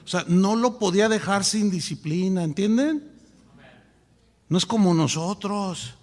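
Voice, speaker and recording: A male pastor preaching a sermon in an animated way, with rhetorical questions and acted-out quotes. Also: high-pitched, unhurried, in a large hall. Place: church.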